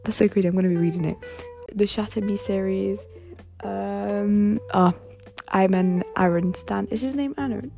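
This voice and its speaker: A woman in her late teens talks on her own podcast at home, rambling from one thought to the next and giggling as she goes. Her voice is warm and dark, with plenty of vocal fry. Faint music sits under her voice. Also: medium pitch, moderate pace. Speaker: podcast host. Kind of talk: casual solo podcast chat.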